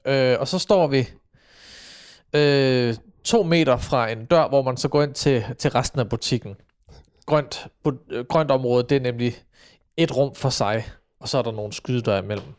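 A man's voice: medium pitch, a little mellow, clear, resonant tone. Hesitant man recounting a story. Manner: hesitant storytelling with many fillers. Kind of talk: casual chat.

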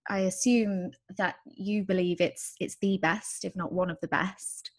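Female podcast host, mid pitch, upbeat and encouraging, interview manner. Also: fairly even intonation, unhurried. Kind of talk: scripted intro, then casual interview.

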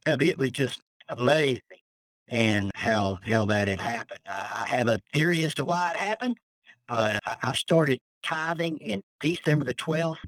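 A man's voice: medium pitch, no room sound, rough recording. Earnest man giving a faith testimony. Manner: earnest and emotional. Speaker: death row inmate guest. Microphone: phone call.

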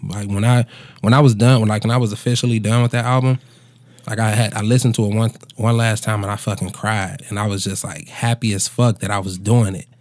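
A man's voice: on the low side, steady tone, a little fast, darkish tone, dry recording. A man in his twenties, a musician chatting casually in a laid-back, slangy bro manner with plenty of swearing. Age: 20s. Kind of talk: casual conversational storytelling.

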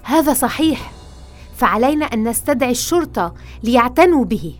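Defiant young nurse roommate, quarrelsome, played by an actress; on the high side. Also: female voice, big pitch swings, normal speed, darkish tone, soft background music. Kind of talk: audio drama acting.

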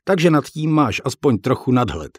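A man's voice: medium pitch, big pitch swings, husky, no echo, voice pushed up. A man reading the lines of a curt, suspicious middle-aged businessman in an audiobook, with a terse, dry way of asking questions.

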